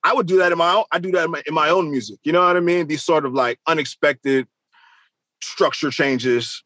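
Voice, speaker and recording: A rap musician from Queens, New York, talks as an interview guest, loose, slangy, and swearing freely in casual conversation. His voice is a little high, fairly quick, pushed and bright, with no echo.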